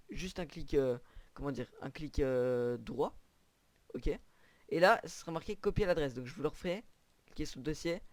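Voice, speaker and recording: Young guy doing a chill screen tutorial, kinda high voice, lots of ums, dry close mic. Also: a little mellow, no echo. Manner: casual, hesitant, lots of fillers. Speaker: tutorial creator. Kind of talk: screen-recorded gaming tutorial.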